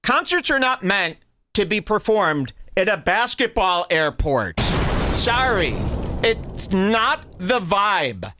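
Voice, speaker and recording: A man's voice: high voice, very animated, takes it slowly, noisy background. A man hosting a podcast, telling a comedic story in an exaggerated, indignant way. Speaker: podcast host.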